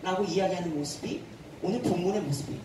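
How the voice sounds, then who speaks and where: A man who is a youth pastor, preaching a sermon to a youth group and telling the story in a lively way while quizzing his listeners. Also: high-pitched, fast, background noise. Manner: animated storytelling, quizzes the audience. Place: church hall. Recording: echoey hall, far from the mic.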